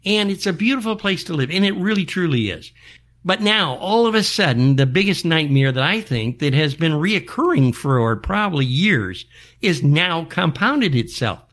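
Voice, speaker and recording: An older American man hosting a show rants in an exasperated, folksy, back-in-my-day style, firing off rhetorical questions. His voice is fairly high, a bit bright, and very animated at a normal speed.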